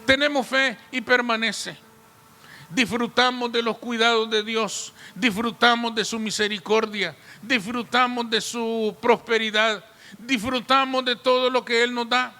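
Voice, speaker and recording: Male pastor, very high bright voice, preaching with rhetorical questions, church hall reverb. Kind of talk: sermon.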